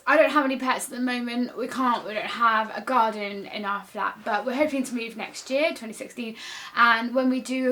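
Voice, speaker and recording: Chatty young woman with vocal fry. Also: on the high side, fairly bright tone, a little hiss or hum. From England. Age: 20s. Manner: chatty, laughs often, trails off with "so yeah". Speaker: vlogger. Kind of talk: casual to-camera chat. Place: home office at a desk.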